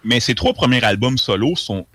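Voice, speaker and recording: A man with a Québécois French accent in casual podcast chat, talking thoughtfully with frequent fillers and pauses. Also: medium pitch, expressive, a bit bright, no room sound. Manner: thoughtful, hesitant with many fillers. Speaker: podcast co-host. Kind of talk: casual chat about metal music.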